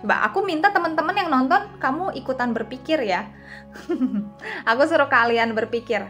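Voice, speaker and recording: A woman's voice: high voice, animated, moderate pace, a bit bright, faint music behind. Chatty young woman vlogging to camera. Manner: chatty, addresses viewers directly. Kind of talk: casual talk to camera. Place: seated indoors at a camera with a lamp. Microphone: camera and phone in front.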